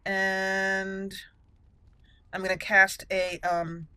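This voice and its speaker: A woman's voice: medium pitch, level tone, drawn-out words, pushed and bright, slight background noise. A woman hosting a gaming channel, giving casual play-by-play and thinking aloud as she narrates each move. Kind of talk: casual gameplay commentary. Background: game music.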